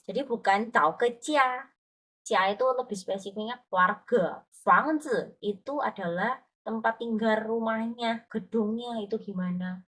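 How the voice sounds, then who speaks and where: A woman's voice: on the high side, measured pace, fairly bright tone. A woman tutoring Mandarin, explaining patiently and often checking that her student follows. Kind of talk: online language lesson.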